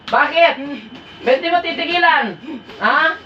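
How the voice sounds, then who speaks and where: A woman faith healer in an exorcism ritual, chanting incantations and barking rapid commands. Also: sits high. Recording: roomy, distant, dull room recording.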